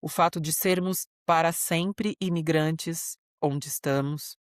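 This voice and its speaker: Speaking slowly with a deep voice and fairly even intonation, a Brazilian woman co-hosts a podcast in a casual, friendly chat. Her stories come across as warm, proud, easygoing and chatty, with many fillers, all captured in a dry, studio-quality recording with a Brazilian Portuguese accent.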